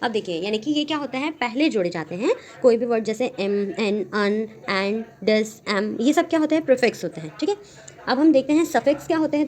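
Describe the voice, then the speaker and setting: A woman teaching English grammar in Hindi from slides, explaining each term and then reading out English examples slowly, with frequent "theek hai" and "okay" check-ins. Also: fairly high pitch, a little mellow.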